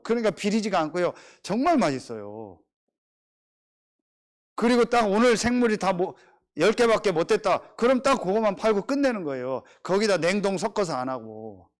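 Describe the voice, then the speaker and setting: A middle-aged male pastor preaching a sermon, telling everyday stories and repeatedly firing rhetorical questions at the congregation. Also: high-pitched. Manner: animated, rhetorical questions, storytelling.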